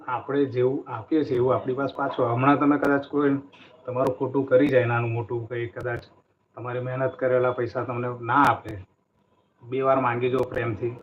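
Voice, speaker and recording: A man giving a spiritual motivational talk in an earnest way, telling a story and repeating key phrases. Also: medium pitch. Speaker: motivational speaker. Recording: dull lo-fi recording with faint noise.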